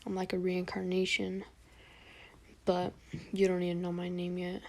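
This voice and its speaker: A woman's voice: lowish voice, monotone, moderate pace, vocal fry. A woman voicing an aloof, mysterious male spirit mentor in a spoken fan story. She speaks curtly and dismissively, in close to her own voice. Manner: curt, dismissive.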